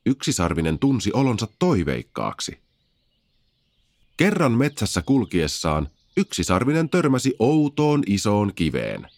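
A man reading a children's fairy tale aloud, expressive and gentle. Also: fairly low pitch, dry recording. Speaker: storyteller. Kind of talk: children's audiobook narration.

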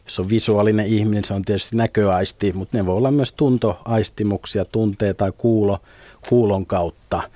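A middle-aged man, a lucid dreaming instructor, explaining things in a relaxed way on a radio talk show and chuckling now and then. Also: on the low side, no room sound. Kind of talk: radio studio conversation. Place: radio studio.

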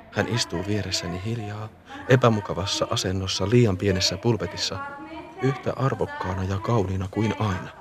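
A man narrating a radio play as a boy remembering his childhood, in a calm, reflective and often hushed manner. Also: fairly low pitch, close to an everyday voice.

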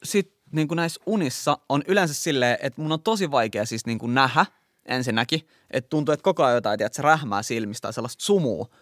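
A man from Finland co-hosts a laid-back chat podcast, reading article passages before describing his own dreams in an animated way. His medium-pitched voice is fairly bright with lively intonation, and the studio sound is clean and echo-free.

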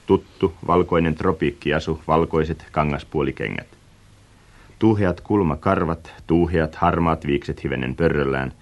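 Deep-voiced man narrating a radio reportage. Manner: measured, descriptive and reflective.

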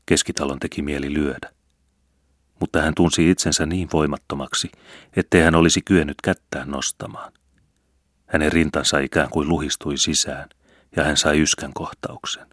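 A man reading a novel aloud as audiobook narrator, measured and steady, on a close mic. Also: a bass voice, no echo. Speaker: audiobook reader. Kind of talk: scripted narration.

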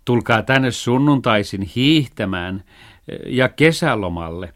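A man voicing a thrifty, practical male cat in a children's story reading, talking brisk and matter-of-fact. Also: mid-range voice, expressive, a bit bright, natural voice.

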